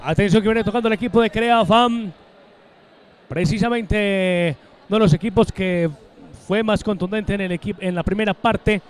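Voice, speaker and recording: This is a high-pitched man with a clean tone doing live play-by-play for a match. He calls the goal excitedly and at a frantic pace, holding his shouts long.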